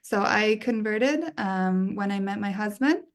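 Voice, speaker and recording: Woman from England, thirties, guest author, easygoing chat with lots of ums, mid pitch. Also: expressive, unhurried. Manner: warm, chatty, with frequent ums. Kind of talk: casual interview conversation.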